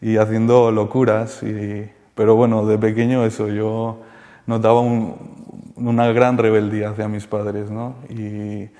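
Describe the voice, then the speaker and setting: A man from Colombia, giving a halting, soft-spoken personal testimony in an interview. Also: lowish voice, level tone, in a large hall. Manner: halting and soft-spoken, circling back with many restarts. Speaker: interviewee sharing a rehabilitation testimony.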